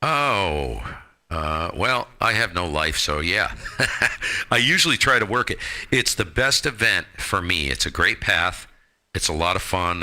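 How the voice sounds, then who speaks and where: Deep-voiced and bright, with a forceful tone, this man hosts a live stream as a ham radio operator. His talk is casual, informal and rambling.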